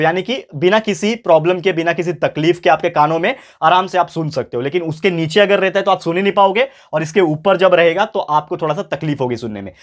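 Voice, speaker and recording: Upbeat man teaching a science lesson. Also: a little high. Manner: addresses viewers as friends, repeats key points; speaks a bit louder than normal for clarity. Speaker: tutor.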